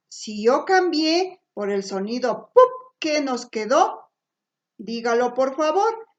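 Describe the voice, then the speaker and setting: A woman teacher, giving a remote lesson, patient and slow, often checking in with short questions. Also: high-pitched, highs cut off.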